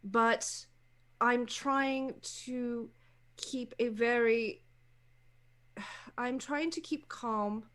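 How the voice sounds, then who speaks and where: Woman as a slow-spoken, restrained vampire fledgling. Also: on the high side, steady tone, fairly bright tone. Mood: upset, restrained. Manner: halting, carefully restrained. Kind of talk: tabletop role-play acting.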